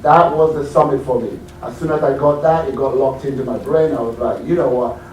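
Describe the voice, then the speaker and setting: Here a British man with a steady, mid-range voice talks briskly to a live audience, telling stories and asking them questions to motivate them. A crowd can be heard behind him, and he sounds far away in an echoing hall.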